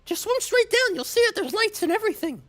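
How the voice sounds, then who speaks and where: A man voicing a small, angry male penguin soldier who shouts orders in a shrill, frantic voice. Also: very animated, quick pace, no echo, exaggerated voice.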